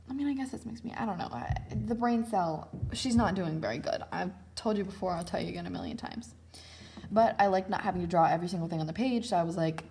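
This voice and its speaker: Young woman, creaky voice, chatty and self-deprecating, casual vlog narration. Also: fairly low pitch, a little mellow, a little hiss or hum. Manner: chatty and self-mocking, with slang. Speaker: vlogger. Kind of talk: casual sketchbook tour narration.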